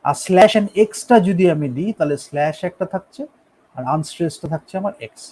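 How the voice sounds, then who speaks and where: A man's voice: on the high side, brisk, darkish tone, rough recording. A man teaching a lesson, explaining each step in turn and often checking that his listeners follow. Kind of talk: classroom lecture on poetic meter.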